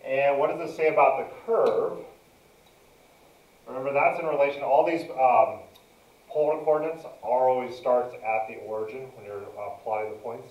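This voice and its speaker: A man's voice: mid-range voice, fairly even intonation, moderate pace. A man giving a step-by-step math lesson as a teacher, dictating piece by piece as he works through it. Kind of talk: step-by-step lesson narration, working through a problem. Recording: dull, roomy, distant mic.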